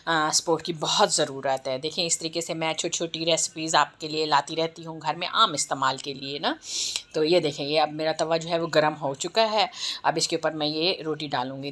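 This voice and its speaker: Woman with a low voice and sore throat, walks you thru making roti, keeps saying "theek hai". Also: a bit bright. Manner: chatty step-by-step instruction with frequent "ठीक है" check-ins. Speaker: cooking channel host. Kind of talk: home cooking tutorial.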